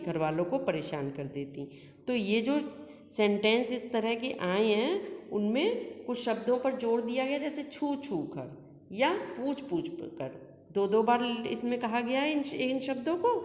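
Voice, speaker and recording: A woman's voice: mid-range voice, darkish tone. A woman teacher giving a recorded grammar lesson, patiently explaining each example twice. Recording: echoey room with long reverb.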